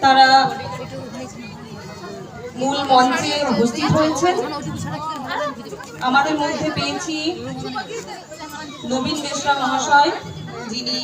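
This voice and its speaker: A woman's voice: high-pitched, little pitch movement, takes it slowly, pauses often. A woman making formal, courteous ceremonial announcements as master of ceremonies. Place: outdoor public stage event. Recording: echoey outdoor PA, distant, loud crowd.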